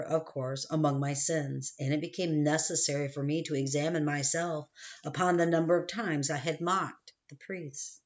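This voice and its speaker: A woman's voice: low-pitched, muffled recording. Woman narrating a memoir audiobook. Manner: steady, measured first-person narration. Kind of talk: audiobook reading.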